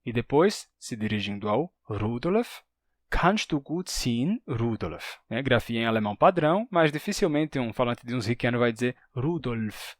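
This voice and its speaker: A man's voice: medium pitch, expressive, moderate pace, hardly any pauses, no room sound, studio quality. A man with a Brazilian Portuguese accent teaches a language lesson step by step and keeps checking in with the listener. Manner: explains step by step, often checks in with "né?".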